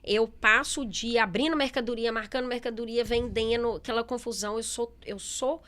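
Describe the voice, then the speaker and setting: A middle-aged businesswoman in a relaxed interview, talking candidly with many fillers and quoted asides. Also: a little high, moderate pace. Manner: chatty, candid, lots of fillers and quoted speech. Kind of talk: casual interview talk.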